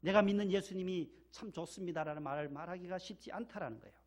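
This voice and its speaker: A Korean pastor from Gyeongsang talks fast in a high voice while giving a sermon in a church sanctuary. He hammers home key words by repeating them, speaks emphatically, and leads the congregation in call-and-response.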